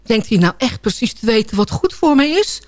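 A woman's voice: a little high, very animated, a little fast, darkish tone, no room sound. Sardonic woman telling a comic radio column. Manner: sardonic chatty storytelling.

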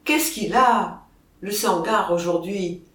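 A reader voicing a grown man who owns the ranch, calling out to calm a bull. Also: mid-range voice, slow. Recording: roomy, distant mic.

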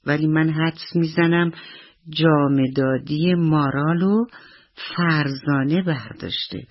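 A woman storyteller voicing an earnest little schoolgirl in a children's radio bedtime story. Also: deep voice. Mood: chatty. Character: little schoolgirl fasting, curious and quick to accuse. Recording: dull lo-fi radio recording.

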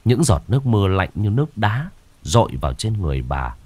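A man's voice: lowish voice, very animated, a little mellow, husky. Dramatic male ghost-story narrator. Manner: dramatic, slowing on eerie moments.

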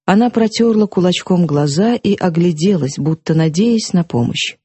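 A woman narrates an audiobook in a measured, steady way. Her voice is husky and mellow, and the recording is dry and close, with no room sound. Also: on the low side, no echo.

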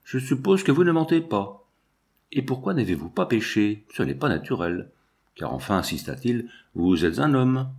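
A man's voice: mid-range voice, big pitch swings, normal speed, vocal fry, darkish tone. A man reading aloud who voices a pushy priest pressing a dying man with probing questions. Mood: insistent. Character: pushy, prying male priest, middle-aged.

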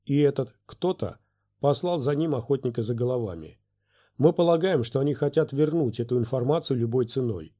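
A firm, steady Jedi master presses for answers with an impatient edge, as a male narrator plays him. The tone stays mellow and warm, slightly raised from the narrator's own voice. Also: mid-range voice, brisk, natural voice.

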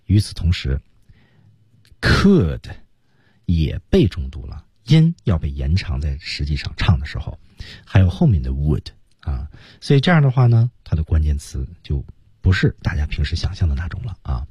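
Husky low-voiced male radio teacher. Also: sing-song, normal speed, mellow, no echo. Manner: patient, explanatory. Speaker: English teacher. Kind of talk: radio lesson explanation. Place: radio studio.

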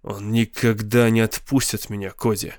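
A man voicing a gloomy, withdrawn teenage older brother who speaks in a flat, sullen way. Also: on the low side, moderate pace, dry recording, studio quality, lightly acted. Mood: bitter.

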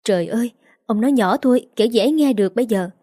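A woman's voice: fairly high pitch, dark tone, breathy edge. A woman voicing a panicked older mother and wife in a storybook reading. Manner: panicked, rushed.

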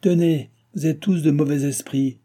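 A man reading an audiobook and voicing an irritable, self-pitying aging king who complains in exasperated outbursts, with a husky voice. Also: mid-range voice, moderate pace, warm tone, natural voice.

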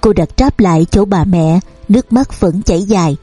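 Calm woman narrating a story, mellow. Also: medium pitch, normal speed, slightly rough, no room sound, faint music behind. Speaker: audiobook narrator. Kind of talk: scripted narration.

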